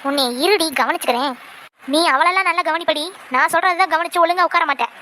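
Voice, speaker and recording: A quick-tempered village mother in a homemade cartoon, voiced by a woman. Her voice is very high and sharp as she nags and scolds without pause. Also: slight background noise. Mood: scolding. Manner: scolding, nagging.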